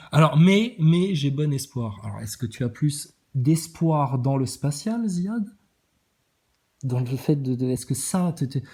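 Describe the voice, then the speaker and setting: A woman's voice: sits low, mellow, husky. A woman ranting at viewer comments in a sarcastic, crude, mocking way, often laughing. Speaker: video host reacting to viewer comments.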